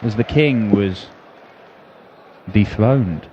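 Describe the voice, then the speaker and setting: A man's voice: lowish voice, drawn-out words, a little mellow, highs cut off, slight background noise. A man giving live darts commentary as a broadcast commentator.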